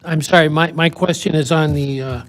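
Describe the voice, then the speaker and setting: A man's voice: fairly high pitch, steady tone, moderate pace. Hesitant, apologetic man at a board meeting. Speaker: village trustee. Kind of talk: remarks at a public meeting.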